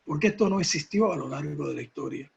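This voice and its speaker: A man with a husky, raspy voice, lecturing in an emphatic, reflective way with rhetorical repetition and tag questions. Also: a little high, lively intonation, fast talker. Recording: dull lo-fi sound.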